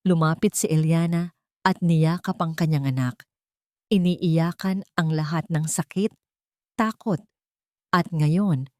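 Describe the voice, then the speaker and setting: A woman with a Filipino accent and a deep, darkish voice narrates a dramatic scripted story. The studio-quality recording has no room sound.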